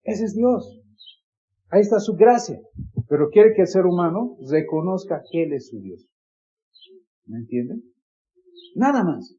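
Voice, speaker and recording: A man's voice: high-pitched, sing-song, unhurried, long pauses, dark tone, dull audio. A man preaching a sermon in an earnest, pleading manner, with many repetitions.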